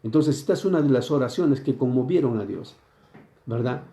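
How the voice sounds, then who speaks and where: A man's voice: medium pitch, normal speed, warm tone. A man preaching a sermon as pastor, explaining scripture and asking his listeners frequent rhetorical questions. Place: church sanctuary. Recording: echoey church room.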